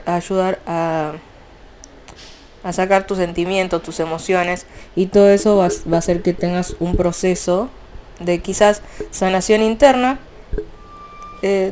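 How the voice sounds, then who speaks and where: A young woman with an Argentine accent, chatting casually about fanfiction in a rambling, animated way. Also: fairly low pitch, slight background noise. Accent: Argentine Spanish. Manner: chatty, rambling, frequent restarts and fillers. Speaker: fanfiction vlogger. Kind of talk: casual chat.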